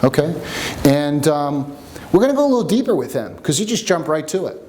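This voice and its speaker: A man coaching a workshop group, teaching with jokes and a personal story in an animated way. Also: a little high, brisk, a little hiss or hum. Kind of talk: seminar teaching with stories. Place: room with a live audience.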